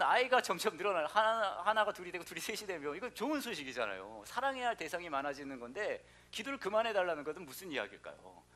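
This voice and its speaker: A young man preaching a lively sermon, a joking storyteller who acts out the people in his stories. His voice sits a little high and bright, and he talks quickly, with animated swings in pitch. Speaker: pastor.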